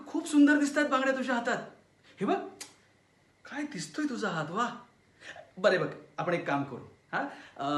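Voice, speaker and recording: A man's voice: sits high, fairly bright tone. A man acting a controlling husband who coaxes in a falsely tender voice and turns to threats, in a dramatic audition monologue. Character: controlling, menacing husband with a sweet-talking cruelty. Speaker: auditioning actor. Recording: roomy echo.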